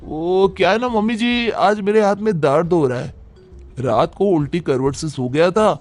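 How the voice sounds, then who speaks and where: A man's voice: sits high, moderate pace, soft background music, natural voice. A man voicing a lazy, whining young son-in-law who makes excuses in a cartoon. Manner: whiny, complaining.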